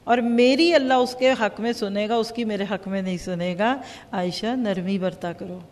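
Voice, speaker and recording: A woman teaching a religious lesson, explaining with lively acted-out quotes. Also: mid-range voice, big-room sound. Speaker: Quran teacher.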